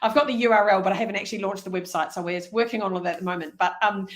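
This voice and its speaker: A middle-aged woman, an energetic leadership speaker talking as an interview guest. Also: mid-range voice, racing. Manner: energetic, animated storytelling. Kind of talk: conversational interview.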